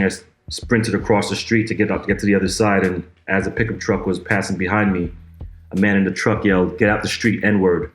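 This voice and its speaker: Flat, low-voiced man in his thirties. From Montreal, Quebec. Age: 30s. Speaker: college basketball coach. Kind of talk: personal testimony to camera. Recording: echoey room, soft guitar music behind.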